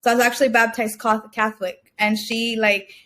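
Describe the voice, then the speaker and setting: A woman's voice: on the high side, flat delivery, brisk, a bit bright, faint music behind. A young woman from Cuba, a guest entrepreneur talking casually in an interview, chatty and full of fillers and restarts. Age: young adult. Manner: chatty, many fillers and restarts, laughs often.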